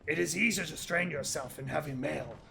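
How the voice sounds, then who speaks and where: A man's voice: fairly high pitch, fairly quick, gravelly. A man voicing an elderly male orc servant who is obsequious and whining, read from an in-game book. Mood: instructive.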